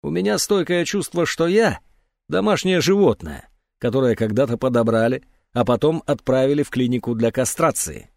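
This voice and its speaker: Man reading a sharp, bitter young male patient, cutting and sardonic. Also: medium pitch, lively intonation, moderate pace, gravelly, no echo, studio quality. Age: young adult.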